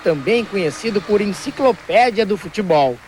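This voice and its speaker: A man from Brazil narrating a sports news report in a steady, measured way. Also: high voice, slight background noise.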